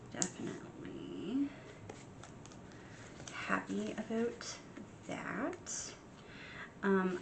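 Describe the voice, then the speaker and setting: A young adult woman chatting casually while setting up her journal, soft and unhurried, with frequent ums. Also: medium pitch, vocal fry, slight background noise. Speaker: journaling vlogger. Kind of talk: casual chat while crafting.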